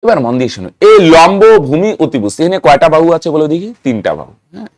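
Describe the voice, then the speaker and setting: A man's voice: on the high side, sing-song, fast talker, darkish tone, dry recording, studio quality. A man teaching a math lesson, asking students questions, answering them himself and chanting terms to help memory. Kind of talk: classroom-style lesson to students.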